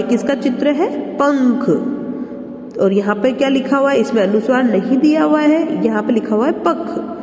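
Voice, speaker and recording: A woman's voice: medium pitch, a little mellow. A woman teacher giving a Hindi lesson to children, stretching out each example word as she pronounces it. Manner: slow, drawn-out pronunciation of example words. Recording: echoey room with long reverb.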